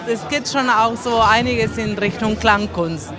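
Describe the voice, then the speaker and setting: A woman from Argentina, a composer and singer, answering interview questions in a thoughtful way, pausing to search for words, with grammar. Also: fairly high pitch, over music, crowd noise. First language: Spanish.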